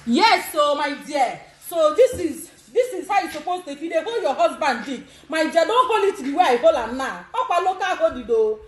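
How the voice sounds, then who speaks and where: Nigerian woman with a high voice, bold and laughy, echoey room. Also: lively intonation, normal speed, few pauses. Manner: bold, laughing, demonstrative, mixes pidgin. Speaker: vlogger giving advice. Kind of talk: casual instructional chat.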